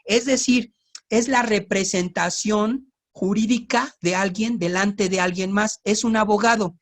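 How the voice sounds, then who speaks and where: A man's voice: high voice, fairly even intonation, measured pace, a bit bright. A man with a Mexico City Spanish accent, teaching the Bible in a conversational way, with informal joking asides and frequent tag questions.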